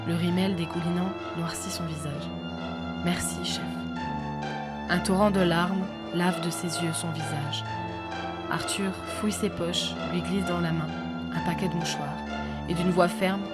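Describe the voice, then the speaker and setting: Calm woman narrating a sleep story. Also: lowish voice, normal speed. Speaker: audiobook narrator. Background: faint music.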